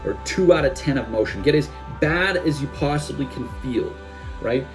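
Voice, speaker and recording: Energetic young man coaching in a chatty way. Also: medium pitch, normal speed, over music. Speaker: self-help coach. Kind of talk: casual instructional talk to camera.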